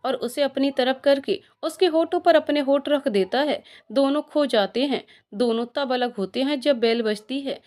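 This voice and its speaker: A woman narrates an emotional romance story in a high, clear voice. Her scripted reading is expressive. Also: moderate pace, hardly any pauses.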